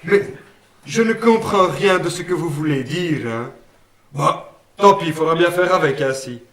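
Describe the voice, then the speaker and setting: A man's voice: on the high side, unhurried, fairly bright tone. A man voicing a friendly male guardian angel with a Brussels accent, homely and fond of saying "une fois" and "hein". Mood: kindly. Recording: roomy sound, mic at a distance.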